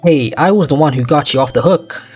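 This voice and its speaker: A man's voice: fairly high pitch, brisk, a little mellow, breathy edge, faint music behind. A man voicing an earnest young male defense lawyer in a courtroom game, polite and upbeat.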